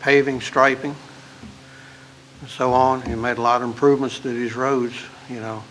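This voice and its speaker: A man's voice: medium pitch, little pitch movement, normal speed, a bit bright, slight background noise, rough recording. A man chairing a county board meeting in an easygoing, polite way.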